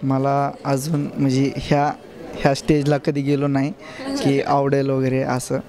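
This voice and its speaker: A man's voice: mid-range voice, completely flat delivery, a little slow, dark tone. A young man, an actor guest, answering shyly and hesitantly with small laughs. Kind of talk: casual interview.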